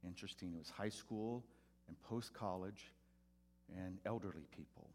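A pastor with a very low voice preaches a sermon built around a personal story, speaking at normal speed. As the story builds he becomes animated and loud, acting out the voices of the people in it. There's a little hiss or hum.

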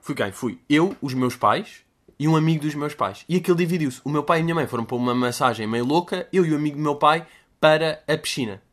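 A man's voice: on the high side, fast talker. Rambling young man with a Portuguese accent. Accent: European Portuguese. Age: 20s. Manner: rambling, slangy, jokey, bursts into loud shouted bits. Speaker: podcast host. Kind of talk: casual solo monologue.

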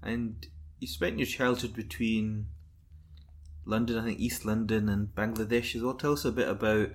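A man interviews a guest, posing curious questions in a relaxed, conversational manner. His voice sits on the low side.

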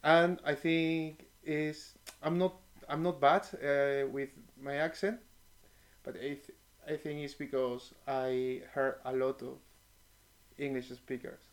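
A man's voice: medium pitch, fairly even intonation, takes it slowly. A man as an interview guest, telling stories animatedly with many restarts. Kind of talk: casual interview chat.

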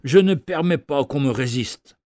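A man's voice: medium pitch, a little slow, mellow, no echo, studio quality, close to an everyday voice. A man voicing a harsh ship captain who barks orders in a storybook tale. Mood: stern. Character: stern gruff ship captain, middle-aged man.

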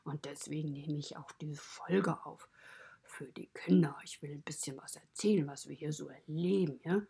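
Brief: cozy farmyard animal storyteller, whispered and gravelly, lowish, voiced by a woman. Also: moderate pace, dark tone, heavily acted. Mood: friendly. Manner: mostly whispered, chatty and confiding. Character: friendly stable animal narrator, fond of children. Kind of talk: children's podcast storytelling.

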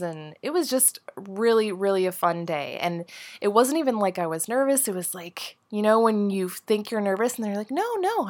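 Chatty podcast mom with a stuffy nose, bit low-pitched, laughing a lot. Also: female voice, fairly bright tone. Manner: chatty, bubbly, laughs often. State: nasal from a head cold. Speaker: podcast host. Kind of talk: casual solo podcast chat. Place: home office.

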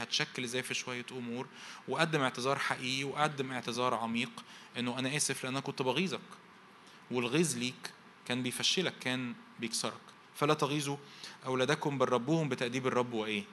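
A man with an Egyptian accent delivers a sermon at a breakneck pace, his bright, forceful voice driving through repeated lists. He keeps tossing rhetorical questions to the congregation so they finish the verses. A faint hum sits behind him. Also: mid-range voice. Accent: Egyptian Arabic. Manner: repeats phrases in rapid parallel lists. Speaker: pastor.

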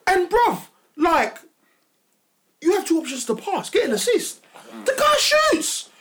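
A man with a London roadman accent in casual football banter, excitable, emphatic and slangy, repeating himself. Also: very high voice, measured pace.

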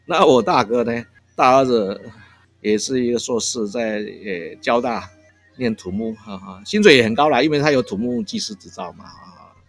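In his sixties, a Taiwanese café owner tells family stories during a casual interview at his countryside coffee shop, chuckling often between phrases. His medium-pitched voice is sing-song and creaky at a moderate pace, with faint jazz playing from the shop speakers.

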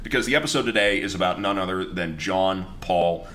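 Bright-voiced man hosting a podcast. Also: low voice, fairly quick, slight background noise. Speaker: podcast host. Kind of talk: casual podcast banter.

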